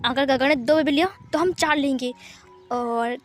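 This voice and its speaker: A woman's voice: high-pitched, moderate pace, soft background music, natural voice. A woman voicing a playful young husband who coaxes and pleads. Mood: coaxing. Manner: wheedling, pleading.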